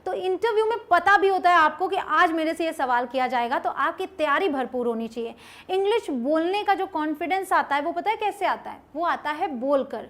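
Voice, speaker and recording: A young woman teaching spoken English, coaxing and chatty. She poses questions to the viewer and answers them herself, and slows down to model English phrases. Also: extremely high pitch, expressive, fairly bright tone.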